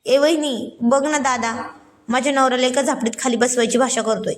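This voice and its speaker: A woman's voice: high voice, fairly even intonation, a little fast, natural voice. A woman voicing a cheeky, teasing younger sister in a spoken story.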